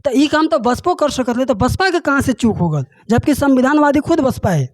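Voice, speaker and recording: An interviewer speaking Bhojpuri who asks long, winding questions at a slow, deliberate pace. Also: sits high, expressive, no room sound, studio quality. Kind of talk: casual political interview questions.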